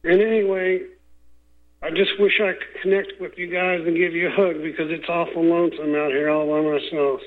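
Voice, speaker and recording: A man calling in to a radio show over a phone line, talking in an earnest, rambling way and often clearing his throat. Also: fairly high pitch, level tone, moderate pace. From Houston, Texas. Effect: call-in voice heard over a phone line.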